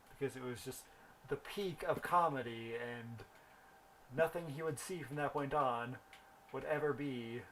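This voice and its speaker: A gaming video host, a young man with a slightly high voice, rambles through a story while thinking aloud about his game in casual commentary. A little hiss or hum sits under the recording.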